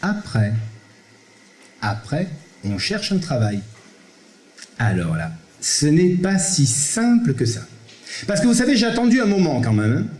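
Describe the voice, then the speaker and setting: A man's voice: on the high side, big pitch swings, unhurried, long pauses, a little mellow, reverberant. A man with a Provençal French accent performing a one-man comedy show, chatting theatrically with the audience and slipping into solemn recitation, recorded on an amateur camera in a theatre. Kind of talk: stand-up monologue with poetic recitation. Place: theatre stage.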